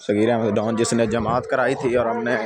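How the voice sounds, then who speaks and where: A man's voice: mid-range voice, flat delivery, brisk. A man with a Punjabi accent vlogging casually about his village day, chatty and joking, often urging viewers to subscribe. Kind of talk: casual vlog talk to camera. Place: outdoors in a village, walking. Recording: noisy outdoor phone recording.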